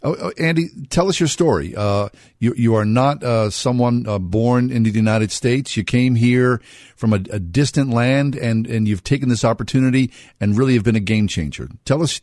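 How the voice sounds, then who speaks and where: A man hosting a radio talk show, introducing a guest and asking questions in a friendly, steady way. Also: mid-range voice, a little fast, no room sound, studio quality. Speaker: radio host. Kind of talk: radio interview.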